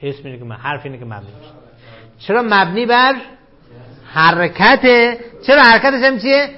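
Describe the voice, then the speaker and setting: A man's voice: sits high, sing-song. A man teaching a grammar class, who keeps questioning his students and repeats the rules with emphasis. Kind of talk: classroom lecture on Arabic grammar. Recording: dull lo-fi classroom recording.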